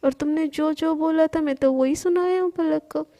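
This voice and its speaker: A sneering young male boss who schemes behind others' backs, voiced by a woman narrator. High-pitched for a man, with a gravelly, mellow sound. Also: fairly even intonation, normal speed. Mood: smug.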